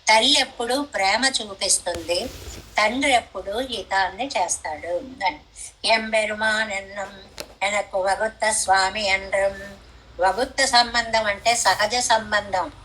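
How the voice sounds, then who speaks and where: Slow, bright-voiced older woman teacher. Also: medium pitch, a little hiss or hum, rough recording. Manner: slow, deliberate, explanatory, quotes verses. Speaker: religious teacher explaining hymns. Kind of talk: devotional commentary lecture.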